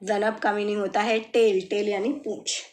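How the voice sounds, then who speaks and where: A woman teaching children Arabic words, patiently explaining and repeating each word slowly. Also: medium pitch, little pitch movement, darkish tone. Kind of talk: slow explanatory lesson.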